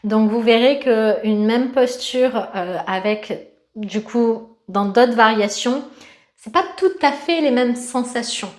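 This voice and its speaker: Yoga teacher lady, slightly high voice, calm steady cues for breathing and moving. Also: slow. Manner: calm cueing of breath and movement. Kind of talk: guided yoga class.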